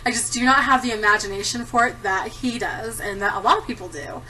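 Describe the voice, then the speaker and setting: Seated at her home desktop, a thirties-aged vlogger works through a tag, talking casually to the camera with frequent giggles and lots of ums as she rambles. Her slightly high voice runs a little fast and sounds pushed and bright. The computer camera mic is distant, giving poor audio with a bit of background noise.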